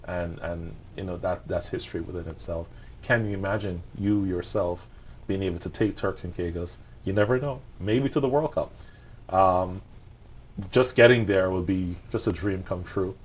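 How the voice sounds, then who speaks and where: A man's voice: low voice, moderate pace. A man hosting a radio sports talk show in the studio, asking long, conversational questions.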